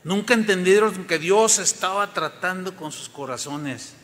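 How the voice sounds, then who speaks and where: High, bright-voiced pastor preaching. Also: male voice, measured pace. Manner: emphatic, often asks the congregation questions. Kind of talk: sermon. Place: church sanctuary. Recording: long reverb of a large hall.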